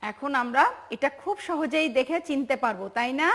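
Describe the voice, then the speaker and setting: A woman's voice: high-pitched, normal speed, fairly bright tone. A woman teaching a televised preschool lesson, patient and sing-song, asking questions and praising the children. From Bangladesh.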